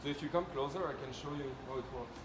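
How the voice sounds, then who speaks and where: A man with a mid-range voice and a quick pace demonstrates a product for his company, speaking with a French accent in an informal way. He breaks things down step by step and often checks in with tag questions at the close of his points. The recording is echoey and noisy.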